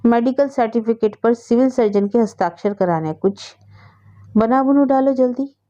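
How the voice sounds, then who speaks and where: A woman voicing a busy adult husband who talks briskly and practically, in a storybook reading. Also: on the high side, mellow, dull audio, pitched above the performer's own voice, lightly acted. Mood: hurried.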